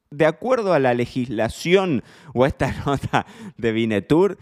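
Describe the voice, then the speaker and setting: A man's voice: fairly low pitch, darkish tone. A man with an Argentine Spanish accent hosting a casual solo podcast, chatty and playful, joking about his own mistakes. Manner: chatty, self-deprecating, playful mock pronunciations. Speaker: podcast host.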